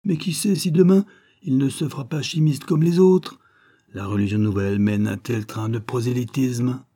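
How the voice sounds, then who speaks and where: A man's voice: medium pitch, moderate pace, dark tone, natural voice. A man voicing a scornful, ranting atheist who mocks the idea of progress, declaiming fiercely.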